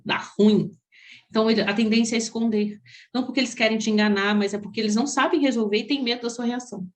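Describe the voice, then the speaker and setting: Expressive Brazilian woman coaching parents. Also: fairly high pitch, very fast. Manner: expressive, talks directly to parents; asks many questions. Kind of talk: motivational teaching talk.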